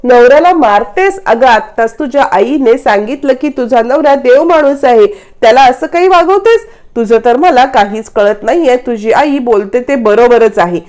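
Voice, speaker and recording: A woman's voice: a little high, normal speed, a little mellow, close to an everyday voice. A woman narrator voicing a smug, scheming young husband pleased with his plan.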